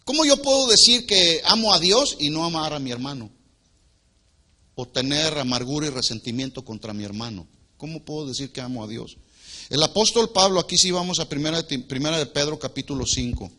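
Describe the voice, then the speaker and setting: Man, pastor, sermon, bright forceful voice, questions to the congregation, loud and soft turns. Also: on the high side, expressive, brisk. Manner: teaching, asks the congregation questions and waits for answers; wide swings from loud emphatic lines to quiet asides. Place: church hall before a congregation.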